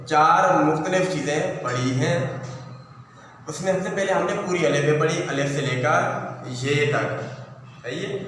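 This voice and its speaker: A man's voice: fairly high pitch, bright, forceful tone, a little hiss or hum. A man teaching a classroom lesson, patiently explaining step by step. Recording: echoey room, heard from far off.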